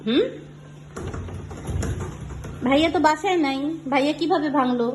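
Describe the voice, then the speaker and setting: High-voiced young mother teasing her toddler. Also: measured pace, noisy background. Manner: teasing, sing-song questioning, often laughing. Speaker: mother talking with her small child. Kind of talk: playful home video chat with a toddler.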